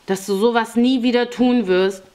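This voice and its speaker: A woman's voice: fairly high pitch, fairly even intonation, moderate pace, darkish tone, pitched above the performer's own voice, lightly acted. A woman voicing a firm, pitying woman of the house in an audiobook reading.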